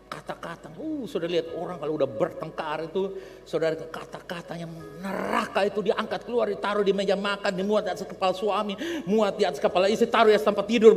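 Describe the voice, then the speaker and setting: Older kupang pastor preaching, really high voice, long reverb in a big church hall. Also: male voice. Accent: Kupang Indonesian. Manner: lively storytelling with jokes and acted-out quotes. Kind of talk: sermon.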